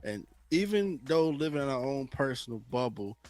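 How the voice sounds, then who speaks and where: A man's voice: medium pitch, sing-song, moderate pace, darkish tone. A young man co-hosting a podcast, talking bluntly and with profanity in a laid-back way. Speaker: podcast co-host. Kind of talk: casual podcast chat.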